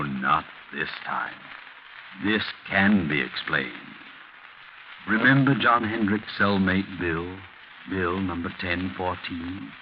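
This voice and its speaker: A man playing a sinister, gloating, mocking mystery narrator in theatrical 1940s American radio style. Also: sits low. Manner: mocking, taunting, rhetorical questions. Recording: muffled, noisy 1940s radio recording.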